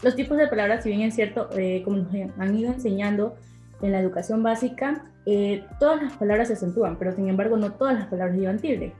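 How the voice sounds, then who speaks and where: A woman's voice: mid-range voice, fast talker, warm tone. A young woman giving a class presentation, hesitant, with many fillers. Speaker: student presenter. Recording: echoey room with faint music.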